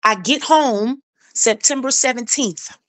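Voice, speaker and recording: A woman's voice: fairly high pitch, slow pace, fairly bright tone, dry recording. A middle-aged woman tells her own story in casual chat. She talks animatedly, acting out quoted dialogue and repeating phrases for emphasis. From South Carolina, US.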